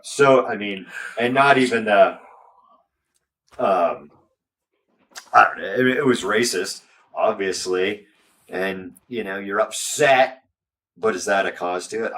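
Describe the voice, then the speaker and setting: Low-voiced man, a little off-mic. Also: a little slow, long pauses, a bit bright, recorded from a distance. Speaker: guest, business owner recounting an incident. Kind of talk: casual conversational recounting.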